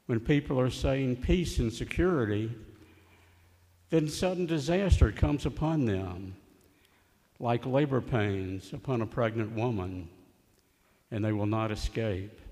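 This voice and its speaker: A man reads scripture as a lector at Mass, in a measured, formal way in a large echoing church. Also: mid-range voice, warm tone. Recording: long echo of a large church.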